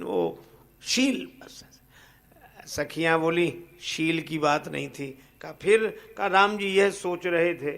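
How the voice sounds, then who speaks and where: High-voiced man telling a slow devotional tale. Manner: expressive, moving between recited verse and spoken story. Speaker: devotional storyteller. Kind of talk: devotional storytelling with sung verses.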